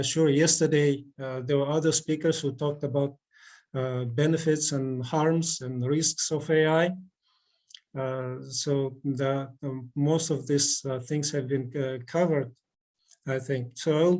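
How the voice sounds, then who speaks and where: A man in his forties, from Russia, giving a halting conference talk over a video call, with many fillers and restarts. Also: fairly high pitch, darkish tone. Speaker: conference speaker. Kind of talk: online conference presentation.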